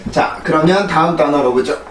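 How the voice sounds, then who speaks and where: A man's voice: a little high, brisk, fairly bright tone, roomy sound, distant mic, a little hiss or hum. A man teaching English pronunciation in Korean, explaining step by step, repeating drill sounds and often asking "right?". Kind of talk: pronunciation lesson.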